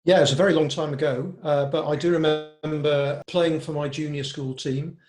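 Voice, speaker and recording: With a voice on the high side, fairly even intonation and a moderate pace, this older Cardiff man, originally born in Devon, chats through anecdotes in a casual interview about his life and walking football management. Music plays in the background, and the recording has a roomy echo.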